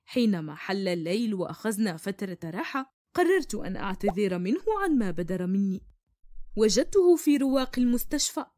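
A woman narrating a cartoon story in the first person, with a brisk, dramatic manner. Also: mid-range voice, big pitch swings, darkish tone, no room sound.

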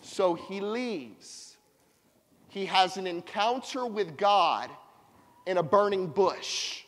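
A man's voice: high voice, slow, fairly bright tone. A man preaching a sermon to a congregation, calling on them to repeat lines back to him. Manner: preaching with call-and-response to the congregation. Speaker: pastor. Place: church sanctuary. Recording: long church reverb.

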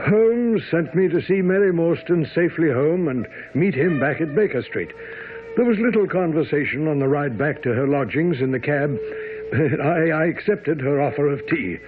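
An actor playing an earnest, proper gentleman doctor, a detective's loyal friend, in a radio mystery drama. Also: on the high side, animated, moderate pace, lightly acted. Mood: reflective. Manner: hesitant, proper. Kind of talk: old-time radio drama acting and narration. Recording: tinny, noisy radio broadcast.

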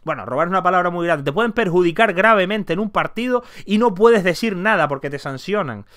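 A man ranting heatedly about football in an opinion vlog, emphatic and swearing freely. His voice sits high and sounds bright and crisp. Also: lively intonation, a little fast. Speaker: football commentator.

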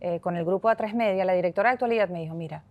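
A woman hosting an interview, asking questions with animated enthusiasm. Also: on the low side, very fast, muffled recording. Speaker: interview host. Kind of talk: conversational interview.

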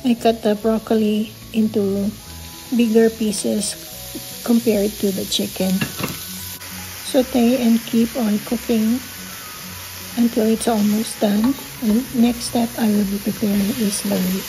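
A woman's voice: fairly high pitch, little pitch movement, takes it slowly, over music, low-quality recording. A middle-aged woman with a Filipino accent, walking through a recipe step by step in her home kitchen, slipping Tagalog asides into her English. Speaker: cooking vlogger. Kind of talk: casual cooking narration.

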